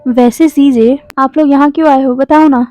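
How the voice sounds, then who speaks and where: A woman's voice: high-pitched, fairly even intonation, moderate pace, mellow, no echo, close to an everyday voice. A woman voicing a playful, teasing young man in a storybook retelling, drawing out her words. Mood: carefree. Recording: dry, dull lo-fi sound.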